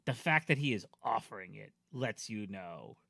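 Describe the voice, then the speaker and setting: A man running a tabletop role-playing game as game master, narrating haltingly with many fillers. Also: on the low side, lively intonation, vocal fry, bright, forceful tone, no room sound, clean studio sound.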